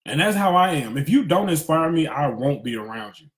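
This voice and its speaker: This motivational speaker, a man in his thirties, talks a little fast with a slightly high, expressive voice. It's an emphatic spiritual pep talk in conversational slang, candid and full of repeated phrases, and the room sounds echoey.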